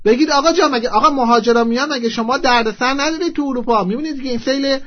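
A man who makes TV programs, giving an impassioned on-air speech full of rallying calls, played as a clip. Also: extremely high pitch. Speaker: tv program maker. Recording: dull lo-fi clip.

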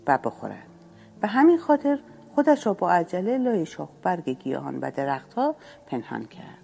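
Gravelly, expressive woman storyteller. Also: low voice. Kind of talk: children's story narration.

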